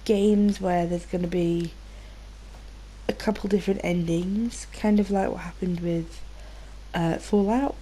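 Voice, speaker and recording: Hosting a gaming video, this British woman gives loose, casual commentary full of swearing, sounding a little stuffed up from a cold. Her fairly low voice is soft-edged and steady at a measured pace. The recording is low quality, with faint noise and game sounds behind her.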